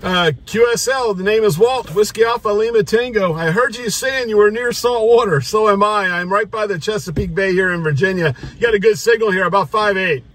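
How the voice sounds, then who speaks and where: A man's voice: sits high, fairly quick, hardly any pauses, a bit bright, poor audio. An American man in late middle age chatting casually as he operates a ham radio from inside a car. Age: 50s or 60s. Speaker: amateur radio operator and vlogger. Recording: radio static behind the voice. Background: radio noise.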